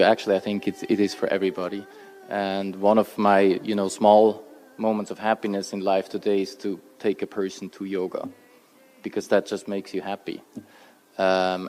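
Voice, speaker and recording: A man speaks in a deep, fairly flat voice, earnest and halting as he restarts his phrases. His speech rings with the long reverb of a large hall. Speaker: invited speaker at a formal event. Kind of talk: prepared speech.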